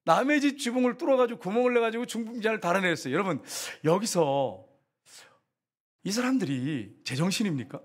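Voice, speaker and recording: A man's voice: high voice, lively intonation, brisk, slightly rough. A middle-aged male pastor, preaching a sermon animatedly and putting rhetorical questions to the congregation.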